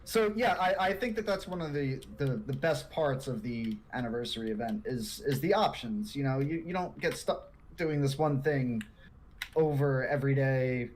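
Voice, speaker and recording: A man co-hosting a podcast in casual chat, animated and quick to laugh, often repeating words. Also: mid-range voice, slight background noise. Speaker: podcast co-host.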